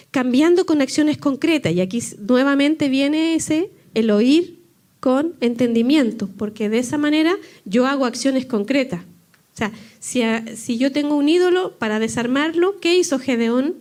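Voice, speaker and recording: A woman's voice: high voice, a little mellow. A woman with a Chilean accent teaching in a sermon, checking in with the congregation through frequent questions. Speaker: preacher.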